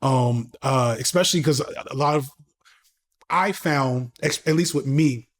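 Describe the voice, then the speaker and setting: A man in his thirties, guesting on a podcast, speaks at a measured pace in a mid-range voice. The interview is relaxed and frank, with slang, cursing and plenty of false starts.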